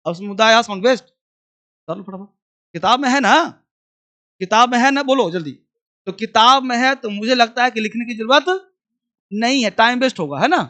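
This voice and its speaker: A male teacher running a demo class on English spelling. He drills each sound by repeating words several times and firing quick questions at his students, and he addresses them fondly as children. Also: very high voice, sharp tone.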